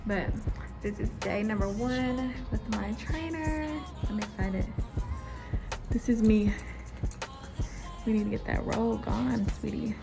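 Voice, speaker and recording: Gravelly-voiced woman on phone video. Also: mid-range voice, slow, pauses often, music in the background. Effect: phone video recording. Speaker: vlogger. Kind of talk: casual vlog chat. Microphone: phone held by the speaker.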